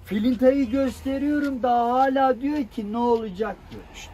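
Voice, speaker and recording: A man's voice: extremely high pitch, normal speed, mellow. A man in casual banter who grumbles and rants, firing back at a friend. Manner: grumbling, ranting. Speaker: street personality.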